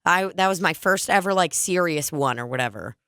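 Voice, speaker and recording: Woman cohost, low raspy-ish voice, crude jokes, lots of "like", dry close mic. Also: expressive, a little fast, a bit bright, dry recording. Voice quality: rough, strained voice. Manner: crude jokey banter, frequent laughs and fillers like "like". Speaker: podcast co-host. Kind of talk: casual comedic chat.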